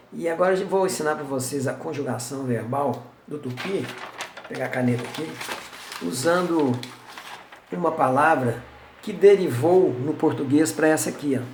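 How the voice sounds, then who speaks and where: A man's voice: on the high side, a little mellow, a little hiss or hum. Chatty male language teacher, echoey room. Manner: chatty, informal, repeats words for drill. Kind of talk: casual video lesson.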